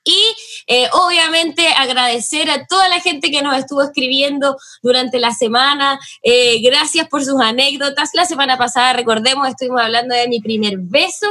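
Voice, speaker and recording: Woman, Chilean accent, high-pitched, bright forceful voice, chatty host. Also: moderate pace. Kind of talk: casual chat, reading listener messages.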